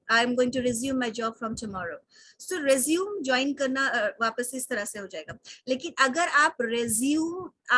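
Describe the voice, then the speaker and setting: A woman with a high, bright voice teaches an online English lesson. She spells words out slowly, says them again and again, and mixes English into her explanations. The sound is dry and close, from a computer mic on a video call. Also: slightly rough, no room sound. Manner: slow careful spelling-out and repeating of words.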